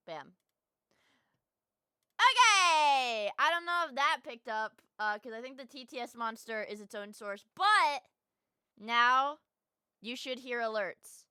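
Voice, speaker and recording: Cute, high-voiced anime-streamer woman, very animated. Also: clean tone, no echo, clean studio sound. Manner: casual, sweary, gushing. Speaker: livestreamer. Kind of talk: casual livestream chat.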